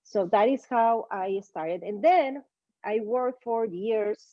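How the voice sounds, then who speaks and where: A woman's voice: fairly high pitch, slow pace, dry recording, muffled recording. Ecuadorian woman, second-language English storytelling. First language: Spanish. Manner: conversational, fillers and non-native grammar. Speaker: guest, marketing business owner. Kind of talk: casual interview storytelling.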